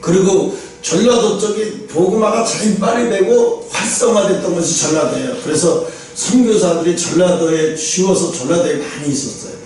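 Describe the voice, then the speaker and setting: This pastor's high, darkish voice moves at normal speed with hardly any pauses as he preaches conversationally and asks rhetorical questions. The recording comes from far off in an echoey church sanctuary with faint noise.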